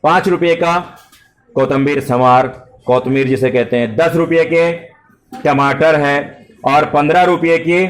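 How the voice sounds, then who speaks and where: A man's voice: a little high, fairly even intonation, measured pace. A middle-aged man teaching math to a full classroom of children, speaking politely and praising them. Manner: addresses students with polite forms and praise.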